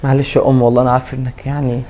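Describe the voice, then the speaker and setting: A man's voice: mid-range voice, little pitch movement, racing, dark tone, natural voice. An actor playing a young husband torn between his mother and wife, with an Egyptian Arabic accent and an earnest, confrontational manner. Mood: confronting. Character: torn husband and son, young man, quick to anger. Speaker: actor in a web drama.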